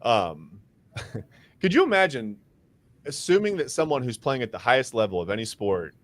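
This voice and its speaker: A man's voice: mid-range voice, very animated, normal speed. A man co-hosting a casual sports podcast, who talks emphatically and repeats words when he gets worked up. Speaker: co-host.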